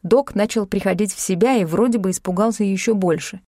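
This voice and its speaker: A woman's voice: medium pitch, fast, warm tone, no room sound. A woman narrating a first-person audiobook in a wry, sardonic way, close to the mic.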